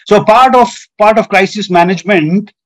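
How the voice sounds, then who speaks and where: A man's voice: high-pitched, moderate pace. A man, a panel guest who speaks earnestly and sets out his points in order. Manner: earnest, structured, lists points. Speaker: hotel general manager, panel guest. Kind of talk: panel discussion.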